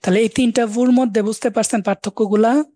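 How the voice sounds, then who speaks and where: A man teaching German in a live online class, repeating and slowly spelling out words. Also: high voice, steady tone, dark tone, no room sound. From Bangladesh.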